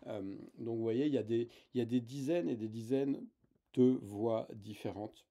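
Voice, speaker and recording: A man's voice: medium pitch, normal speed, dark tone. A man hosting a casual tech tutorial, talking hesitantly with many fillers and restarts.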